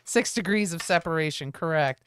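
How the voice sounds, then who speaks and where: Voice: mid-range voice, fairly quick, fairly bright tone, a little hiss or hum. A co-host in a casual livestream chat, easygoing and reading viewer comments aloud.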